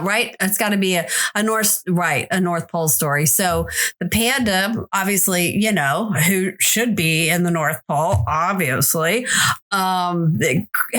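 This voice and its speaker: A woman's voice: medium pitch, fairly bright tone, a little hiss or hum. A woman hosting a podcast, chatting casually and rambling with many fillers. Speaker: podcast host. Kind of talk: casual chat.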